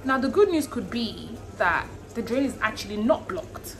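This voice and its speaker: Her voice a little high with big pitch swings at a normal speed, a young cooking vlogger chats expressively while cooking in her home kitchen. She films on a handheld phone for this casual cook-along, with background noise and music underneath.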